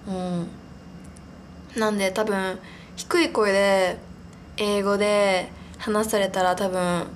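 A woman's voice: medium pitch, slight background noise. A young woman in her twenties hosting a casual solo podcast, chatting in a rambling, giggly, self-deprecating way. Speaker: podcast host.

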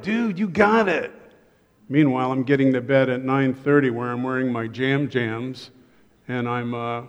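Heard in lo-fi sound, a middle-aged man with a mid-range voice preaches to his congregation from the stage of a church sanctuary. The sermon is funny, full of jokes at his own expense, and the hall's long reverb hangs on every word.

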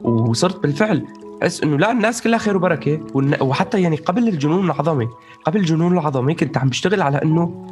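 A man's voice: on the high side, animated, very fast, darkish tone, soft background music. A man with a Levantine Arabic accent chatting casually about personal experience, explaining things as he goes, checking in with the listener and dropping in English words.

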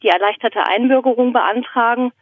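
Speaking briskly in a slightly high voice with no echo, a woman from Germany chats as a podcast guest over the phone. She was born in Berlin, grew up in southern Germany, and shares anecdotes and a joke in a hesitant, reflective manner, all through a thin, narrow telephone line.

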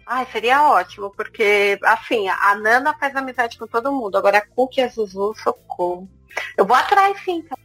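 A Brazilian woman co-hosting a podcast, telling stories about her cats in an animated, casual way. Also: a little high, brisk, breathy edge, faint music behind. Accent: Brazilian Portuguese. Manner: animated storytelling.

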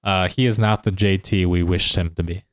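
A man's voice: low-pitched, steady tone, normal speed, no echo. A man co-hosting a sports podcast on a close mic, chatting casually and a little hesitantly. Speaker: podcast co-host. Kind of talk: casual sports podcast chat about fantasy football.

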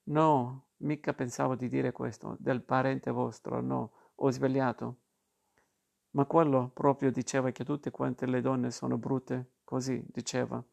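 Superstitious serious woman read by a man, gravelly flat delivery, storybook reading. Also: mid-range voice, a little slow. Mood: defensive. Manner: grave, insistent reasoning. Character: earnest superstitious woman of the household.

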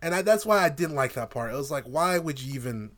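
A young man holds forth as a podcast co-host, his pitch swinging widely and sitting a little high. He rants casually about TV, profane and joking. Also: animated, fast. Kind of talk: casual TV review chat.

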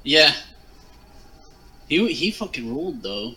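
A man's voice: fairly high pitch, big pitch swings, slow, sharp tone, rough recording. A man chatting casually as a co-host, giving blunt, profane, slangy off-the-cuff commentary. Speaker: co-host of a wrestling watch-along.

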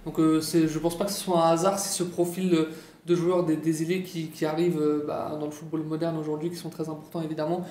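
A man's voice: a little high, flat delivery, quick pace, darkish tone, a little hiss or hum. Man, football pundit, hesitant, lots of fillers, echoey room. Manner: hesitant, many fillers and restarts. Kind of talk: casual panel chat.

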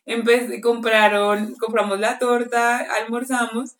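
A young woman tells a long story on a podcast, lively, laughing and acting out what people said. Her voice sits a little high. The room around her is echoey. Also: measured pace. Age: young adult. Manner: animated, laughs often, acts out quotes. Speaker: podcast co-host. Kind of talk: casual chat, storytelling.

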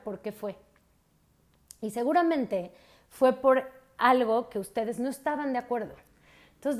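A woman with a fairly high voice talks casually about feelings. She speaks straight to the listener and asks question after question. Her tone stays conversational, like a friendly teacher. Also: a little mellow. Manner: speaks directly to listeners, often asks rhetorical questions and adds a tag "¿no?". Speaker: host of an emotional wellbeing talk.

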